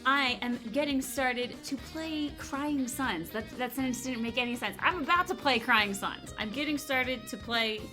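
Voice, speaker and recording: A woman's voice: high-pitched, measured pace, hardly any pauses, over music. A woman hosting a casual game livestream, chatting and greeting viewers as she corrects herself. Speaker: livestream host.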